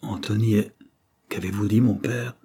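A man's voice: fairly low pitch, steady tone, mellow, breathy edge. A man doing a dazed sleepy young man. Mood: bewildered. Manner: slow, bewildered.

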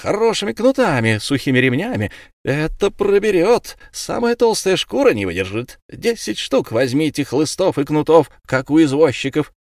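Audiobook part: man doing a rowdy pack of young women, teasing and jeering, high and sing-song, dry mic. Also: big pitch swings, moderate pace, dry recording. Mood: gleeful threats. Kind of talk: audiobook reading.

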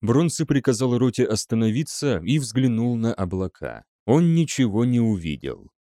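A man reading an audiobook aloud, his pitch rising and falling with lively expression. His voice is mellow and dark, recorded close in a dry, dead space. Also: moderate pace, no room sound. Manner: lively, acting out dialogue. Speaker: audiobook narrator.

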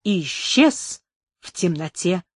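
An audiobook narrator giving a measured, expressive dramatic reading of a classic novel. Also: mid-range voice, husky, dry recording, studio quality.

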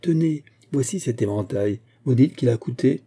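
A man's voice: mid-range voice, animated, normal speed, mellow, husky. A man voicing a charming male store owner who persuades his customers cheerfully. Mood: persuasive.

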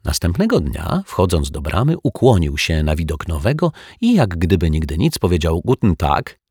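A man narrates a children's detective story with a low, husky voice. The recording is dry and close, with no room sound. He reads at an even, storytelling pace. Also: normal speed, no room sound. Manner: voices the characters with raised pitch and louder delivery. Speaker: audiobook narrator. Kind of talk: children's audiobook reading.

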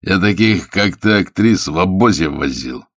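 A man voicing a drunk, brutish army commander who talks rough and threatening. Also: low-pitched, animated, moderate pace. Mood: aggressive.

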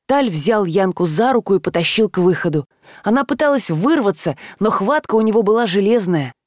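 A woman narrating an audiobook in an expressive, emotional reading. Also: medium pitch, brisk, no echo. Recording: dry close studio sound.

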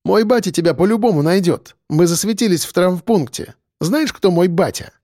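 A man's voice: high voice, lively intonation, moderate pace, dark tone, no room sound, clean studio sound, pitched above the performer's own voice. A man reading an audiobook voices a brash fourteen-year-old boy who brags and talks back. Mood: mouthy.

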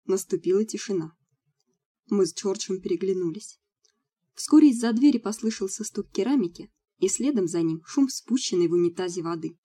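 A woman narrating a first-person audiobook in a steady, storytelling manner. Her voice is warm and mellow rather than bright. Her pitch is moderate. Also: normal speed, slightly rough.

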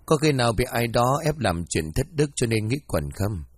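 Man doing sarcastic third wife, mocking, husky voice. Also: medium pitch, sing-song, normal speed, no room sound. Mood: needling.

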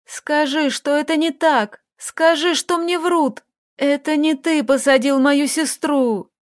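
A woman reading an audiobook, voicing a desperate young woman with a hoarse, raised voice. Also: high-pitched, steady tone, slow, dry recording, studio quality, voice pushed up. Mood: pleading.

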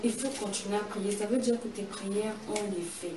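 Animated woman telling a story, roomy and distant. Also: mid-range voice, normal speed. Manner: animated, repeats and restarts phrases, acts out her reactions. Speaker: guest sharing a testimony. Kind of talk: conversational storytelling. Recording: roomy, distant mic, steady background noise.

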